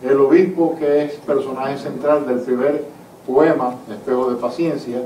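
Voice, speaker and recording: A man's voice: mid-range voice, fairly even intonation, unhurried, warm tone. A man from Cuba, an author and historian, answering audience questions at a book presentation in an earnest, emphatic way. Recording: echoey hall from far off, faint noise.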